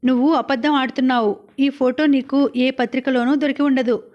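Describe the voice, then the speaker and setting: A woman's voice: high voice, fairly even intonation, moderate pace, dull audio, lightly acted. A woman voicing a worried young woman warning her lover against his plan, in an audiobook. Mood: anxious. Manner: anxious and cautioning. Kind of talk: audiobook character reading.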